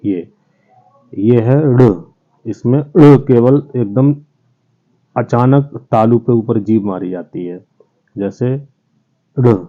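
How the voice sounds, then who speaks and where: A male teacher giving an online lesson to children, slowly and patiently sounding out each letter. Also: on the low side. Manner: slow, patient, spells out sounds one by one. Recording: tinny phone-like sound.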